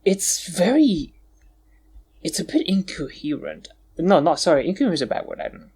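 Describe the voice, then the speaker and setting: A man's voice: high-pitched, big pitch swings, moderate pace, darkish tone, breathy edge. Male podcast co-host; casual, teasing, profane banter. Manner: joking, bickering, swears freely. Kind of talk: casual chat.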